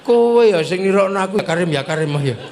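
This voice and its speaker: A man's voice: sits high, lively intonation, fairly quick, darkish tone, a faint crowd, a little hiss or hum, voice pushed down. A man with a Javanese accent voicing a naive, stubborn village man who blurts out blunt threats and pleas. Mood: threatening.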